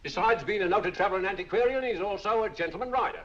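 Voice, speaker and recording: A showy, high-voiced auctioneer. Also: male voice, quick pace, fairly bright tone. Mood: persuasive. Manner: showy sales patter. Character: smooth-talking male auctioneer, persuasive and showy. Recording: dull old film soundtrack.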